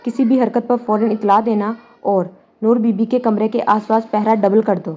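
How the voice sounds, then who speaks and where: A woman reading the lines of a stern young clan leader, hushed but firm. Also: fairly high pitch, fairly even intonation, close to an everyday voice.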